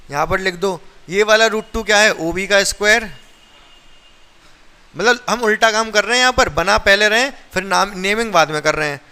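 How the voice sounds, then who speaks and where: A man's voice: high-pitched, pushed and bright, clean tone. A man teaching a maths lesson in a classroom, who keeps asking his students questions and then answers them himself.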